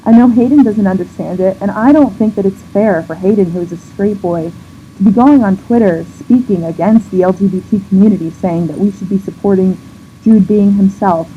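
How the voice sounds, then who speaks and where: A woman's voice: medium pitch, a little fast. A woman vlogger in an emotional rant to camera, indignant and near tears, swearing and restarting her sentences. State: on the verge of tears. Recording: dull lo-fi sound with faint background noise.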